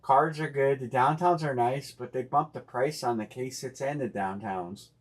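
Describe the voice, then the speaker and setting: A man hosting a live sports card break stream, talking casually and thinking out loud with plenty of fillers and restarts. He speaks bluntly and uses slang. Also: medium pitch, moderate pace. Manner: rambling, thinking aloud with many fillers and restarts.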